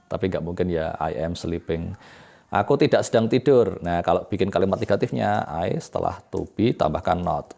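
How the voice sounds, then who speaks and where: A man with a low, gravelly voice walks through a casual English grammar lesson. He explains in an easygoing, conversational way, pausing with fillers and correcting himself as he goes. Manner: relaxed, chatty explaining with fillers and self-corrections. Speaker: English tutor.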